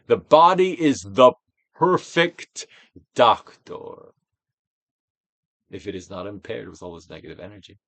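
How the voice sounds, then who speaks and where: With a fairly low pitch and big swings in intonation, a man narrates a self-help book for an audiobook, acting it out dramatically. He moves from hushed near-whispers to bold projection and uses deliberate pauses, with no echo in the audio.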